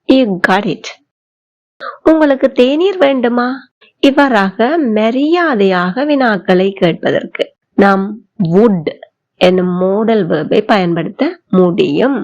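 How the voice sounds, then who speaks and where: A woman with a Tamil accent teaching spoken English, drawing out model sentences slowly for learners to repeat. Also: medium pitch, darkish tone, muffled recording. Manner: slow, drawn-out model sentences for repetition. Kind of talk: bilingual language lesson.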